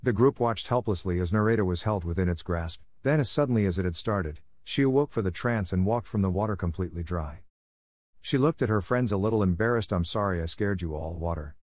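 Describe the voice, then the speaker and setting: A man giving steady, scripted narration of a fantasy adventure story. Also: fairly low pitch, a little fast, no echo, studio quality.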